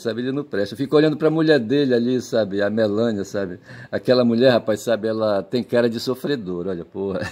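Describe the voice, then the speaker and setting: A man's voice: medium pitch, a little mellow. A man giving a rambling, casual monologue at home, swearing a lot, chuckling at his own jokes and tagging his sentences with checks for agreement. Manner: digressive, crude swearing, frequent "tá certo?" and "sabe?" tags, laughs at own jokes. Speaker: video commentator.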